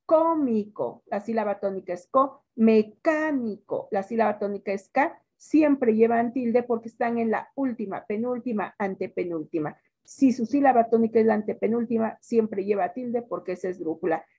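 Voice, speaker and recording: A woman's voice: a little high, dark tone, husky. Mexican woman teacher drilling her class. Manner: stretches words out slowly and quizzes the class. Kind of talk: classroom lesson.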